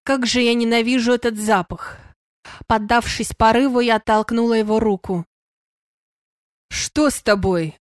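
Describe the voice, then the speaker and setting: A woman narrating a first-person audiobook in an intimate, expressive reading on a close mic. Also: fairly high pitch, normal speed, clean tone, no echo.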